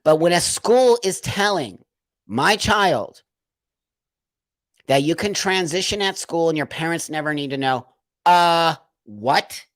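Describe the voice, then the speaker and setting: A man's voice: on the high side, lively intonation, slow, a bit bright, dry recording, clean studio sound. A man hosting a casual live stream, reading out viewer comments and answering them in an emphatic, emotional way, often repeating phrases for stress.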